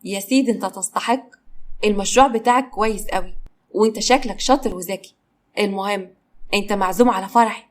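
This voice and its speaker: A woman's voice: medium pitch, quick pace, natural voice. A woman voicing a confident male boss who talks in a firm, teasing way, with an Egyptian accent. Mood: businesslike. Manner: bossy, teasing.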